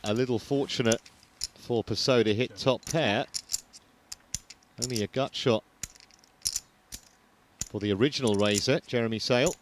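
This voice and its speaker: A man calling the play-by-play at a poker tournament, narrating the action in a dry, measured way. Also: mid-range voice, background noise.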